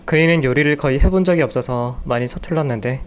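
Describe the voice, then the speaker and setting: A man reading a scripted story for radio in an even, storytelling way. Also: medium pitch, fast talker, slight background noise. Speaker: story narrator.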